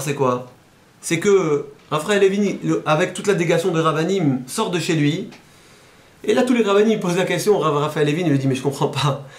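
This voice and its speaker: Male rabbi, storytelling sermon, fairly high voice, echoey hall. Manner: animated storyteller, voices quoted speakers, rises high at emotional peaks.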